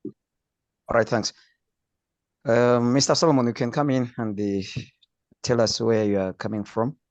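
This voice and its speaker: A man's voice: mid-range voice, steady tone, unhurried, no room sound. A man co-hosting an online meeting, politely calling on attendees one by one with brief prompts. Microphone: video call. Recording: dull dry online call audio.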